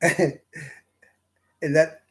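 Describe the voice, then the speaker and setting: A Bahamian man giving an informal Bible study, reading verses slowly and pausing often with fillers and restarts. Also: fairly high pitch, flat delivery. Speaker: Bible teacher. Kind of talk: slow informal scripture study talk.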